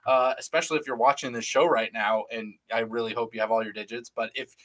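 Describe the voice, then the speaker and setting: A man's voice: mid-range voice, steady tone, fast, a bit bright, poor audio. A man co-hosting a live drinks show, teasing his partner and reading out viewer comments in casual banter. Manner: teasing, joking, reads viewer comments aloud. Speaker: co-host of a live rum show.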